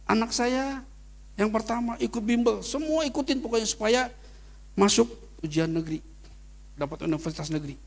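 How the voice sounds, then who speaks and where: A middle-aged man preaching a sermon as pastor, telling personal stories in casual slang and rising to sudden loud peaks. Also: high-pitched, normal speed, vocal fry, pauses often. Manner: casual Jakarta slang in anecdotes.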